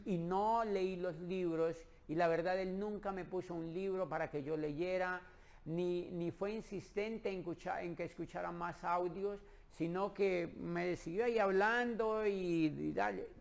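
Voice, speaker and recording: A middle-aged man from Colombia tells a personal story with lively energy and acts out the quoted dialogue. His voice is gravelly and sits a little high for a man. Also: a little slow. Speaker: speaker telling his own business story.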